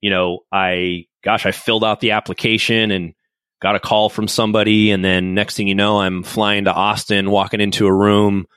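A man's voice: fairly low pitch, level tone, normal speed, a bit bright, clean tone, no room sound. A man hosting a casual podcast interview, chatty and upbeat with many fillers and restarts. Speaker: podcast host.

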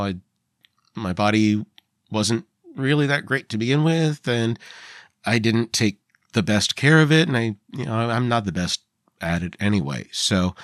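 A man's voice: lowish voice, a bit bright, no room sound, clean studio sound. A man in his forties hosting a podcast, rambling informally with fillers and casual swearing. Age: 40s. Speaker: podcast host.

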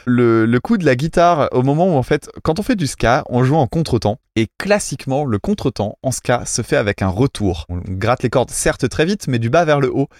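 A man's voice: mid-range voice, animated, moderate pace, hardly any pauses, a little mellow, no room sound. A man co-hosting a casual music chat, critiquing cover songs in a technical, self-mocking way with lots of fillers. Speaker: podcast co-host reviewing cover songs.

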